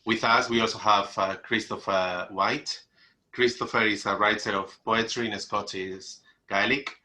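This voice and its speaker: A man's voice: fairly low pitch, fairly even intonation, a little slow, sharp tone. A man hosting an online literary event, introducing guests and asking questions in a hesitant way, often repeating and rephrasing. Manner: hesitant, repeats phrases and gropes for wording. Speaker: event host and interviewer. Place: remote video call.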